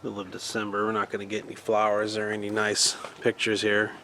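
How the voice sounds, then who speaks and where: A man's voice: fairly low pitch, monotone, fast talker, pushed and bright. Rambling man vlogging in a noisy backyard. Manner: rambling, self-deprecating, thinking aloud. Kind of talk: casual unboxing and testing vlog. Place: backyard outdoors. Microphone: camera mic, then shotgun mic with windscreen. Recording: noisy outdoor camera recording.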